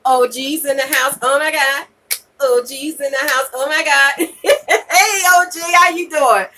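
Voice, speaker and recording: Live with her viewers, a vlogger and podcaster in her late 40s hands out blunt, emphatic advice in a relaxed, slangy way, repeating points and tossing in "okay?" and "you know." Her voice is high, fairly even and unhurried, recorded far from the mic amid background noise.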